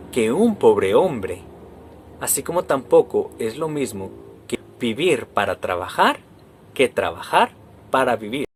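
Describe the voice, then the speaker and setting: A man's voice: mid-range voice, slight background noise. A young man with a Guatemalan accent, a university student giving a class presentation and stressing key words as he explains. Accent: Guatemalan Spanish. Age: young adult.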